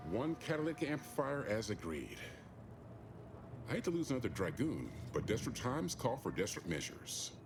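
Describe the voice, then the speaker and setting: An actor playing a weary, stubborn chief mechanic in a video game. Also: male voice, medium pitch, big pitch swings, moderate pace, very noisy. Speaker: game character.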